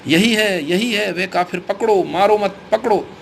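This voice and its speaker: A man's voice: on the high side, fairly quick, a little hiss or hum, close to an everyday voice. A man voicing a stern, bullying male cleric who gives threatening commands in a storybook reading. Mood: shouting. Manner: shouting commands, menacing.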